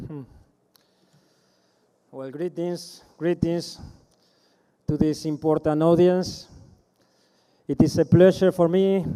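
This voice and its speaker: At a conference presentation, a man in his fifties with an Argentine Spanish accent speaks in a mellow, smooth, slightly high voice. His delivery is friendly but halting, restarting phrases and repeating words, and he comes through the PA of a large hall.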